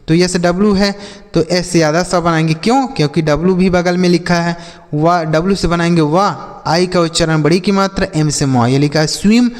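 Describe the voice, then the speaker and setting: A man with a Hindi accent teaching children to read English, spelling out letters slowly and then asking and answering his own questions. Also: on the high side, in a large hall.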